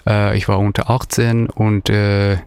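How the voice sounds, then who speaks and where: A man interpreting in hesitant, halting sentences full of filler sounds. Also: fairly low pitch, little pitch movement, gravelly, darkish tone, clean tone, no room sound, clean studio sound.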